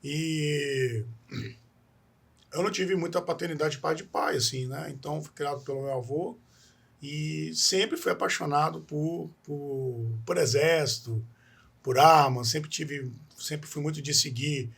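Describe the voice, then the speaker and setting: This husky, higher-voiced man from Espírito Santo, Brazil, speaks a little slowly with a fairly bright tone. As a podcast guest recounting his life story in an interview, he rambles earnestly, frequently restarting and adding questioning asides to many phrases.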